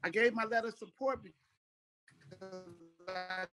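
A man, a city council member, speaking into a meeting over a remote video call whose audio breaks up, talking haltingly and repeating words as he backs a project. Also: high-pitched, fairly even intonation, bright, forceful tone, soft background music, rough recording. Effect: remote video call link, audio breaking up.

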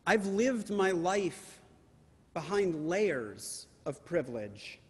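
A man, a rabbi, delivering a sermon with measured, emphatic phrasing. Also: sits high, very animated, breathy edge, big-room sound.

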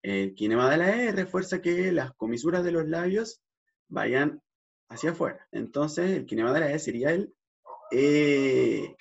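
A man's voice: on the high side, animated, moderate pace, gravelly. A man, a speech therapist, explaining vowel gestures in a lesson, checking in often and demonstrating sounds with exaggerated articulation. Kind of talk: educational explanation. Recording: dull lo-fi recording.

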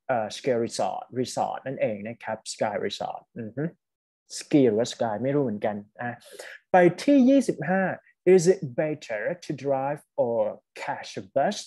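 A man with a Thai accent teaching an online English test class, mixing Thai with English and reading test lines slowly. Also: medium pitch, mellow, slightly rough.

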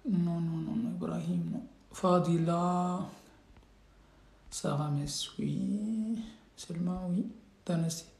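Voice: mid-range voice, creaky, a little mellow, echoey room. A teacher running a live reading class, calling on students and correcting them patiently, drilling syllables over and over.

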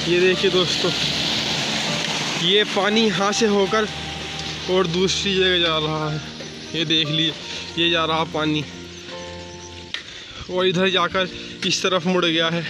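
With a phone held out at arm's length, a young man from Uttar Pradesh, India vlogs a relaxed walk around his village's fields and lanes. His voice is high and flat, the audio is poor, and loud music runs beneath his speech as he guides viewers and keeps calling them "friends."

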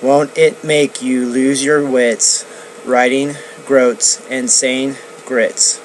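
A student performer carefully reciting a pronunciation drill and then reading a story aloud, with crisp, deliberate diction. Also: medium pitch, slight background noise, low-quality recording.

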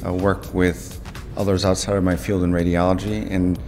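Calm, deep, flat-voiced professor. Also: male voice, moderate pace. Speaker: radiology professor, instructor. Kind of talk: interview testimonial. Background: music bed.

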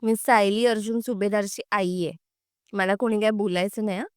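A woman's voice: mid-range voice, steady tone, normal speed, clear, resonant tone, no room sound, clean studio sound, lightly acted. Woman reading as a boastful older father.

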